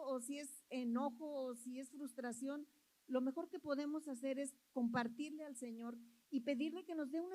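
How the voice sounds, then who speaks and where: High-voiced woman preaching. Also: warm tone, poor audio. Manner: earnest, repeats phrases, asks the congregation questions. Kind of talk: sermon.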